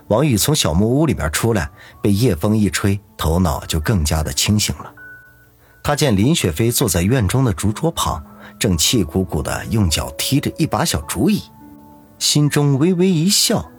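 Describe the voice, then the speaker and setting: A man narrating an audiobook in a lively, dramatic storytelling manner. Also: low-pitched, moderate pace, soft background music.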